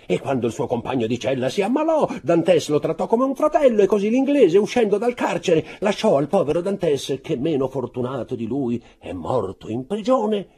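A man's voice: a little high, very animated, moderate pace, few pauses, mellow, breathy edge, voice pushed up. A man voicing a sickly, anxious woman, an innkeeper's wife, speaking urgently in an audiobook. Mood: telling.

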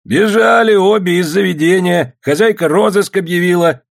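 A man's voice: sits high, normal speed, vocal fry, voice pushed up. A man doing a barking, sneering police sergeant. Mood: accusing.

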